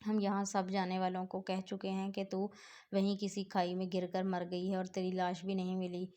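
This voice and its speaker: A woman's voice: medium pitch, monotone, dark tone, lightly acted. A woman reading as a scornful uncle. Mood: contemptuous. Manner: scornful, cold. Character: harsh, contemptuous middle-aged uncle.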